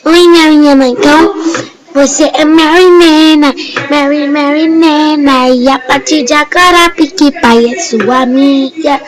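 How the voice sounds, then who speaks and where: A woman's voice: high voice, fairly even intonation, measured pace, low-quality recording. Pinkie Pie, a woman voicing a cheerful pony. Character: friendly cheerful female pony.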